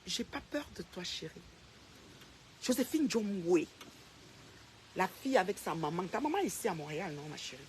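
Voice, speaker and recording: Speaking at normal speed but with long pauses, a woman with a lowish voice and big pitch swings rants to the camera. She's a social media personality who names a rival, confronts her directly, and keeps repeating her points, with slight background noise present.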